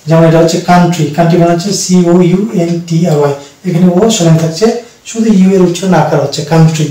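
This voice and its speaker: A man who speaks Bengali as his first language, explaining English pronunciation rules slowly and step by step, pausing often and repeating himself. His voice sits a little higher than most men's. He sounds set back from the mic in a very echoey room. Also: fairly even intonation, mellow, recorded from a distance. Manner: slow, step-by-step explaining with many pauses and repetitions. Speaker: English teacher.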